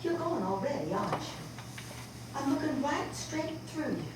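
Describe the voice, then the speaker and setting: An actress plays an aging, desperate mother on stage, her high voice leaping wildly as she pleads with her daughter. The sound carries from far off in an echoey hall with background noise. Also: big pitch swings, measured pace. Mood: outraged. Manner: pleading, emotional outbursts. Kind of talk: stage play acting.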